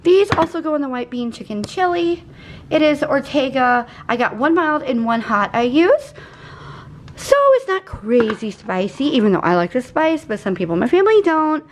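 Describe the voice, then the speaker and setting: Here a woman in her forties speaks in a high voice with big swings in pitch, at a moderate pace, with a faint hiss or hum. As a vlogger doing a casual grocery haul in her home kitchen, she's chatty and rambling, easily pulled off track.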